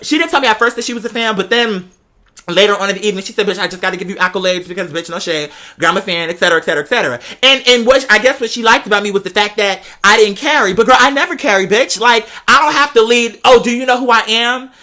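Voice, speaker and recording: A woman hosting tells a personal story in lively, slangy, casual talk, sassy and dramatic, sprinkling in "girl" and curse words. Her pitch is medium and she talks fast.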